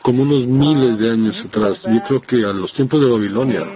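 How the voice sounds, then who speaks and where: A man giving a spoken testimony in a halting, hesitant way, breaking off and restarting his sentences. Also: mid-range voice, a crowd in the background. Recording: dull lo-fi sound.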